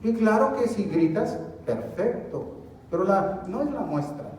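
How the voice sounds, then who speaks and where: A man preaches to his congregation, his voice sitting high for a man. He is lively and theatrical, acting out little household scenes and calling for responses. The sound is very roomy and distant, with faint ambience behind him. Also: unhurried, a little hiss or hum. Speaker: pastor. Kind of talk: sermon. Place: church sanctuary. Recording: echoey church hall, voice from afar.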